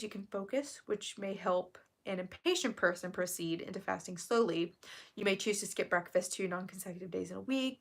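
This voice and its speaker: A woman with heavy vocal fry keeps her voice down as she chats casually on a livestream, reading aloud and answering viewers. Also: medium pitch. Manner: keeping her voice kept down and quiet. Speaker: live stream host.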